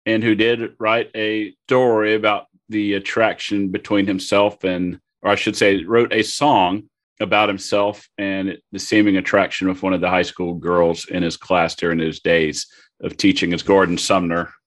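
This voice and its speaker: A man's voice: deep voice, flat delivery, normal speed. A man co-hosting a podcast, explaining a novel in a conversational way. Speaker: podcast co-host. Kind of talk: casual literary discussion.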